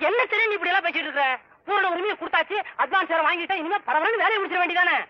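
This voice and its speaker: An actor playing an excitable, boastful young would-be film director, talking in a shrill, theatrical way. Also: male voice, rapid-fire, a little hiss or hum. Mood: excited, bossy. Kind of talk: vintage film comedy acting. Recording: muffled old film soundtrack.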